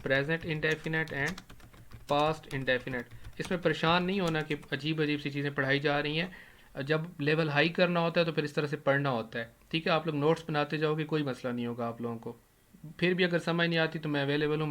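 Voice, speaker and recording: A man gives an English grammar lesson over a screen recording. His voice sits fairly high, and he asks the class questions and answers them himself. He slows right down to spell out each English example, and keyboard typing can be heard behind him. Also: a bit bright. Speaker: English teacher.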